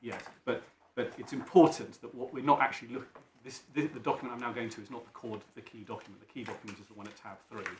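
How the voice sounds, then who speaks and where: A British man making formal legal submissions as a barrister, deferential and learned, often halting and repeating his phrases. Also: mid-range voice, steady tone. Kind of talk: formal courtroom legal argument. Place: indoor courtroom. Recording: echoey courtroom with faint background noise.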